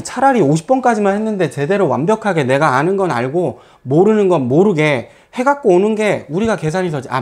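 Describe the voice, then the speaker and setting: A man teaching a math academy class, lecturing students in a blunt, scolding way, with casual swearing and many rhetorical questions. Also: high-pitched. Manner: lively, lots of rhetorical questions.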